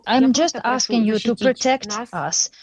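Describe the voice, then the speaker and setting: A woman speaking as a live interpreter in a news report, relaying someone's words in short, halting phrases with slightly unidiomatic English. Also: a little high. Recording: muffled lo-fi clip with a crowd behind.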